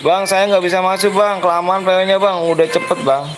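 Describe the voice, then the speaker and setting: A man with a Jakarta Betawi accent streaming a game, talking quickly and repeating himself as he coaxes other players. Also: high voice, flat delivery, low-quality recording. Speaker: streamer running a custom game room. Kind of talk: live game stream chat. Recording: music playing behind.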